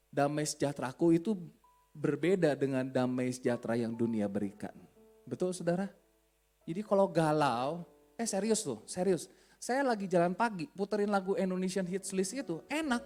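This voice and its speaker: High-voiced joking male pastor. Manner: joking, animated preaching, breaks into song. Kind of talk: Easter sermon.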